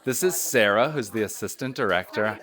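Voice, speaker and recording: A man's voice: fairly low pitch, animated, a little fast, fairly bright tone. A man hosting a casual vlog, chatty and upbeat as he walks around a college campus, a little out of breath. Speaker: vlogger host.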